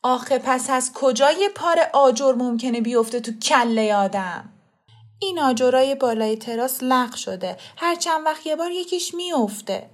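A woman voicing a sharp-tongued defensive mother. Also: high-pitched, faint music behind, voice pushed up, lightly acted. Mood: defiant. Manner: heated, quick to defend.

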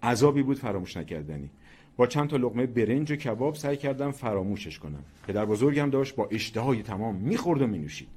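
Expressive male storyteller. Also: mid-range voice, husky. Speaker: story reader. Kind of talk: scripted narration.

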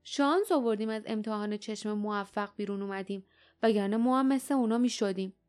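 A woman reading the lines of a stern, guarded male warrior in an audiobook, firm and steady. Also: medium pitch, faint music behind, close to an everyday voice.

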